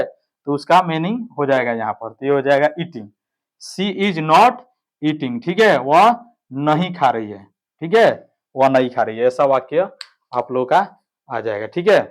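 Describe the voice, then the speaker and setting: Man teaching grammar, step by step. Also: a little high. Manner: explains step by step, keeps checking with "ठीक है". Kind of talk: online grammar lesson.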